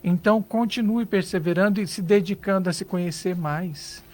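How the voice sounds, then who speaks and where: High-voiced Brazilian man giving earnest advice. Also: normal speed, a little mellow. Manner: earnest, advising, rhetorical questions. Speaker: psychologist guest. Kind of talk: radio interview advice. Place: radio studio.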